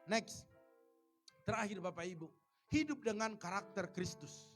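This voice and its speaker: A man with a high voice preaches a church sermon, playful and animated, slipping into little acted-out scenes to make his point. Faint music sits behind him. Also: measured pace. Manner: lively, joking, acts out little scenes. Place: church service.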